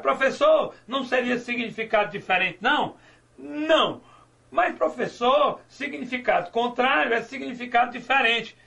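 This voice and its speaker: High gravelly male teacher. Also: bright, forceful tone. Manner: didactic, asks and answers his own questions, stretches key words. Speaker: Portuguese teacher. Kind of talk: recorded grammar lecture.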